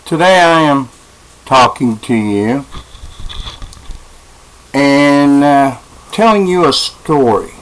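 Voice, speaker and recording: Man, 50s, casual halting storyteller, mid-range voice, webcam. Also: mid-range voice, animated, a bit bright, slight background noise, rough recording. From West Virginia. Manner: halting, with frequent uh fillers and restarts.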